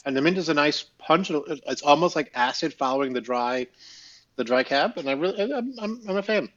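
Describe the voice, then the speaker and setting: A man's voice: on the high side, lively intonation, a little fast, a bit bright, dull audio. A man chatting casually as a guest, rambling on at length. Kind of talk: casual chat.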